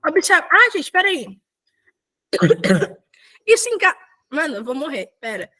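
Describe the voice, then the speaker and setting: Young woman, high bright voice, casual video-call teacher who corrects herself and keeps checking in. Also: big pitch swings, unhurried. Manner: chatty, self-correcting, frequent checks with students. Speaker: volunteer Korean teacher. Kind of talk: casual online lesson.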